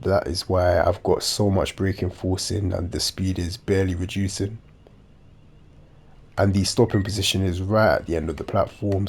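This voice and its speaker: Male game commentator, low-pitched, stuffed-up nasal delivery, dopey edge, explains procedures step by step. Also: gravelly. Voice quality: nasal, blocked-nose congested sound. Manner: dopey-sounding, matter-of-fact explaining. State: congested with a blocked nose. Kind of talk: measured instructional gameplay commentary.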